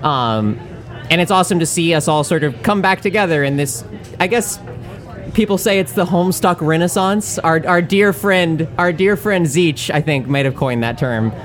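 Hosting a live podcast from a bar, this woman keeps things loose and playful with her guests, peppering her talk with fillers and frequent laughter. She speaks at a normal speed in a voice on the low side.

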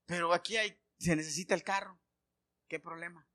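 A middle-aged man preaching a sermon, telling homely stories and firing questions at the congregation, swinging from loud calls to quiet asides. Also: high-pitched, fairly even intonation, brisk. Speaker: pastor.

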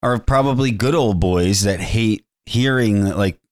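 A man's voice: on the low side, measured pace, no room sound, clean studio sound. A man co-hosting a podcast, talking casually in a conversational way. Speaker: podcast co-host. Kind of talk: casual chat.

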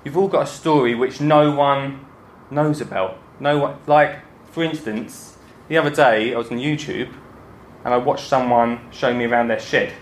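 Essex bloke doing a chatty jokey talk on stage, echoey room, bit of noise behind him. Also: male voice, mid-range voice, moderate pace. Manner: chatty, joking, self-deprecating. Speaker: gardening podcaster and speaker. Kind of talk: informal stage talk to an audience. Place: indoor talk before an audience, roomy space.

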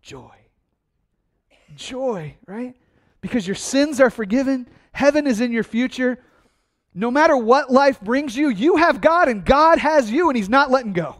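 A man preaching a sermon, energetic and conversational, asking his congregation questions and answering them himself. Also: very high-pitched, moderate pace. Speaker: pastor.

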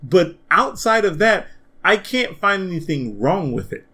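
A man hosting a casual gaming podcast, animated and swearing freely as he rants about games. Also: sits high, a little slow, husky. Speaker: podcast host.

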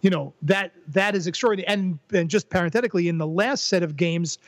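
An older man with a notably high voice speaks as a podcast guest. He reasons aloud, repeating words and restarting as he works toward a point. The sound is dry and close. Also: no room sound. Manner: thoughtful, halting restarts, repeats words while building a point. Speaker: podcast guest, psychologist and former professor. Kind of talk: conversational interview.

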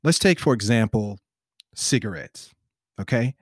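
A man in a casual panel discussion, making an animated, pointed argument. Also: lowish voice, a little slow, no room sound, studio quality.

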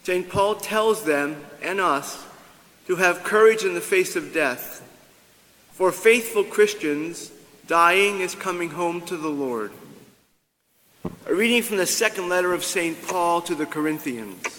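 High, slow male lector in cathedral echo. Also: animated, sharp tone. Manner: measured, solemn delivery. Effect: long cathedral-like church reverb. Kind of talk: slow liturgical scripture reading. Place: large church. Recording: long church hall reverb.

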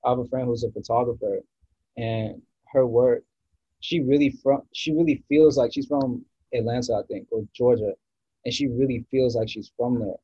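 A man's voice: medium pitch, fairly even intonation, moderate pace, warm tone, husky, dry recording, muffled recording. A man from the US East Coast, a guest musician in a casual podcast chat, rambling and searching for words with many restarts.

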